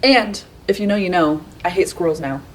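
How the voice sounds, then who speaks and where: Woman librarian co-host, lively sing-song pitch, animated storyteller; faint hum. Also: fairly quick, rough recording. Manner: animated, expressive storytelling with fillers. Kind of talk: casual book chat.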